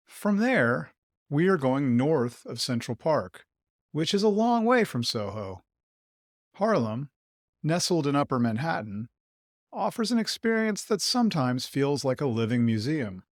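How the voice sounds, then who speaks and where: Clear, measured man narrating a lesson. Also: medium pitch, dry recording, clean studio sound. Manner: clear, measured, explanatory delivery. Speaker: podcast host teaching English. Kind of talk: clear scripted narration for English learners.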